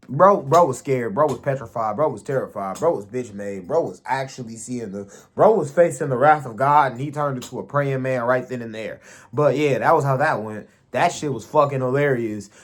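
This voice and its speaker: A man casually recapping TV episodes in profane, slangy, animated storytelling. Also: mid-range voice. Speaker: show recapper.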